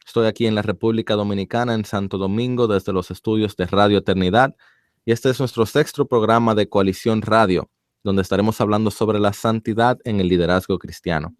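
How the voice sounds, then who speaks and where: Male radio host in studio, low voice, dry close sound, relaxed and joking with his guest. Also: a little fast, no room sound. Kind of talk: radio interview hosting.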